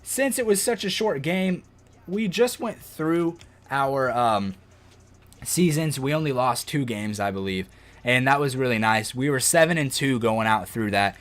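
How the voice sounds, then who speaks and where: Excitable man doing football game commentary. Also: mid-range voice. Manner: excitable, loud outbursts over game plays. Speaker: gaming video host.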